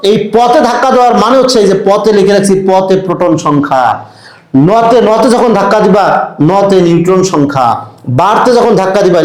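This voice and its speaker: A man's voice: sits high, echoey room, low-quality recording. A man with a Bangladeshi Bengali accent teaching a chemistry lesson, talking straight to his students and stretching out key syllables to drill the terms. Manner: direct, encouraging address to students. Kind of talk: classroom lecture.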